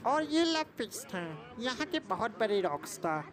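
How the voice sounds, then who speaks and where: A woman's voice: a little high, big pitch swings, normal speed, background noise. A woman voicing a chatty rich man's daughter. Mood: welcoming. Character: wealthy young woman, colonel's daughter, hostess. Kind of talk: amateur game dubbing.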